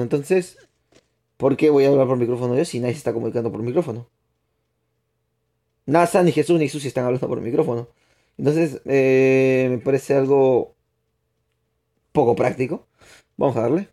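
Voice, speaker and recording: Guy doing a spain spanish accent, chatty live gamer reading chat, soft dark tone. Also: mid-range voice, moderate pace, pauses often. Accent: put-on Spain Spanish. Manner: chatty, answers viewers' chat while playing, rambling restarts. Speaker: game streamer. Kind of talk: live gaming stream commentary.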